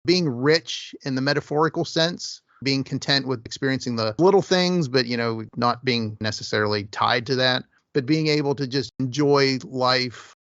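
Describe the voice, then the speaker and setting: A man's voice: medium pitch, moderate pace, hardly any pauses, fairly bright tone, no room sound, muffled recording. A man co-hosting a podcast, explaining ideas in a thoughtful, meandering way during a casual discussion. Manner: thoughtful, explanatory, with verbal hedges. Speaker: podcast co-host.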